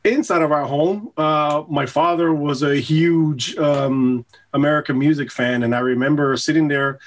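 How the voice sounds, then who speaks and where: A man from Puerto Rico, a guest guitarist, telling stories in a relaxed, casual way with frequent fillers. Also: fairly high pitch, normal speed. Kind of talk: casual interview chat.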